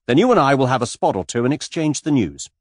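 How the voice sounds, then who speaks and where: A blunt, hearty adventurer, as a male reader puts him on, rough and direct in his questions. His voice swings up and down with plenty of life. The sound is close and dry. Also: mid-range voice, sing-song, quick pace, dry recording, voice pushed up.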